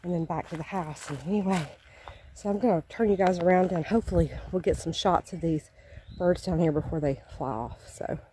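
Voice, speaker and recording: A woman's voice: fairly low pitch, brisk, warm tone, a little hiss or hum, poor audio. Chatty woman vlogging outdoors. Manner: chatty, talks to viewers while walking. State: slightly out of breath. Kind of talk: casual vlog narration. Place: outdoors by a lake, woods.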